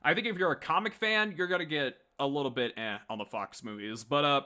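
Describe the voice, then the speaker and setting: A man with a fairly high, bright voice talks briskly and forcefully as a livestream host. He rambles through casual, opinionated fan commentary to his live chat, blunt and quick to swear.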